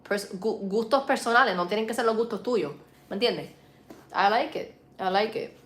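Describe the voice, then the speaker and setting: Hosting a casual live stream, a Puerto Rican woman with a matching accent chats with viewers in a playful, slangy, informal manner. Her voice is medium-pitched and brisk.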